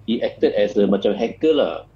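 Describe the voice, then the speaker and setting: A man's voice: on the low side, lively intonation, normal speed, highs cut off, a crowd in the background. A Malaysian man casually discussing films, switching between Malay and English in a colloquial way peppered with 'lah'. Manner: colloquial code-switching with frequent 'lah' particles. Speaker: guest film critic.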